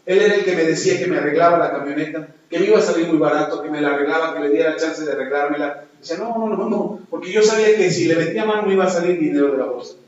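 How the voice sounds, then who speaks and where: A man's voice: fairly high pitch, racing, hardly any pauses. A man, a pastor, telling a testimony in a sermon and acting out the dialogue. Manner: storytelling, acts out dialogue. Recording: very echoey, distant, dull sound.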